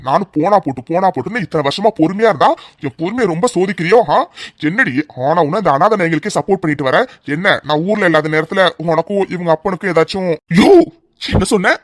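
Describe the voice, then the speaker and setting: A man's voice: sits high, fast talker, dry recording, studio quality, natural voice. A man doing a harsh domineering cartoon father. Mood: furious. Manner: shouting, insulting, domineering. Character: harsh angry middle-aged father.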